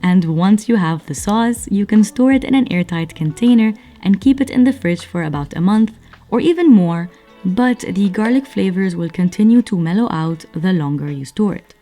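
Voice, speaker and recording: A young woman hosts a home cooking vlog, chatting playfully and speaking straight to her viewers as she narrates a casual recipe. Her medium-pitched voice is expressive and mellow at a moderate pace, with soft music behind her.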